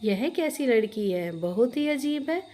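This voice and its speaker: A woman's voice: a little high, animated, a little slow, mellow. A woman voicing a poor old woman tailor who wails and laments over her troubles. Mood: amazed. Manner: wailing laments, sighs of dismay.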